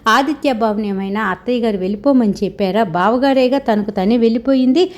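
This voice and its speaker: A woman's voice: on the high side, quick pace, a little mellow, close to an everyday voice. A woman voicing a sly, argumentative young daughter-in-law.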